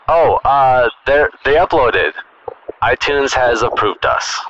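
A man's voice: medium pitch, takes it slowly. A young man co-hosting a casual phone chat, joking in a dry, teasing way. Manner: teasing, deadpan jokes. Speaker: podcast co-host. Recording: muffled noisy call recording.

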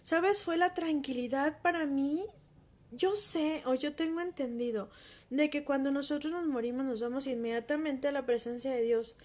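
In a high voice with a darkish tone and at normal speed, a woman tells a heartfelt personal testimony. It feels intimate and emotional, as if she's confiding in just one listener.

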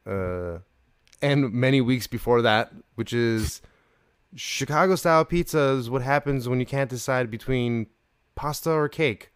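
Teasing podcast host, mid-pitched man. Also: a little slow, clean tone, no room sound, studio quality. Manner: teasing, laughs a lot. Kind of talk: casual podcast chat.

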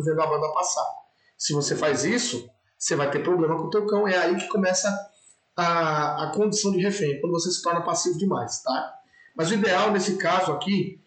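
A man's voice: high voice, reverberant, low-quality recording. A man with a Brazilian Portuguese accent, a dog trainer giving an emphatic instructional talk straight to the viewer and often checking that they follow. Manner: emphatic, addresses the viewer directly with repeated checks.

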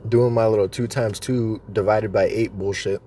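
A man's voice: on the low side, fairly even intonation, moderate pace, mellow, slight background noise. A man rambling through stories in a casual, joking, sweary way, talking with chewing tobacco in his mouth.

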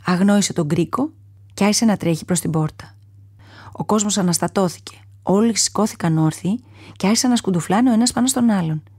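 A woman reads a children's story aloud in a calm, measured way, at times dropping to a soft whisper. Her voice is dark and husky, and the recording is dry and close. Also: medium pitch, no room sound.

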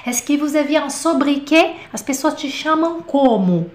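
A woman's voice: sits high, animated, measured pace. Woman teaching french live, chatty, keeps checking in w/ viewers, roomy echo. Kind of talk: live online language lesson.

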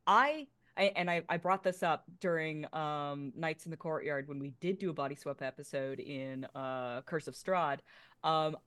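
A woman's voice: low-pitched, fairly bright tone, clean tone, no room sound. A woman panelist in casual chat, emphatic and opinionated. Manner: emphatic, opinionated, quick restarts. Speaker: panelist on a role-play show.

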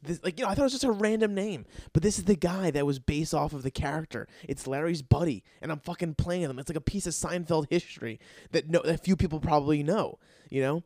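Young male storyteller, excitable, swears freely, does voices for quotes; dry close mic. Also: a little high, fast, hardly any pauses, dry recording. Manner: excitable, profane, acts out quotes in other voices. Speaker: golf caddy telling a story. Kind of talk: casual storytelling.

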